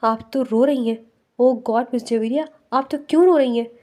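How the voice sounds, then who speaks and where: A woman voicing a male office boss in a read-aloud novel, in a softly coaxing voice. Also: on the high side, moderate pace, lightly acted. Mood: concerned. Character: male office boss, caring then menacing.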